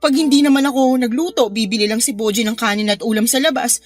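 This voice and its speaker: In an audio drama, a young woman plays a worn-out, frustrated new mother, her natural, somewhat high voice weary, emotional, and halting. The mood is tired and aggrieved.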